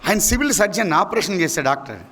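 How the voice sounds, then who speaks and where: A male pastor preaching a sermon, swinging between loud, high emphatic rises and sudden low drops. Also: lively intonation, quick pace. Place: church.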